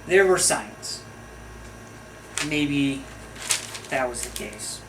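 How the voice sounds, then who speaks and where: A middle-aged man from the States drifts through a loose, chatty monologue, tossing in offhand jokes as he goes. His voice sits at an ordinary middle pitch. A clear bed of steady background noise runs under him the whole time. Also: extremely slow. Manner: chatty, wandering, with jokey asides. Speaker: video host. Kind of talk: casual rambling monologue.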